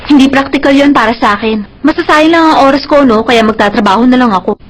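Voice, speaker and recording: A woman's voice: high-pitched, fast talker. An actress playing a hardworking, practical, unromantic young woman with a dry manner in a dubbed television drama. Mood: resigned. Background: music.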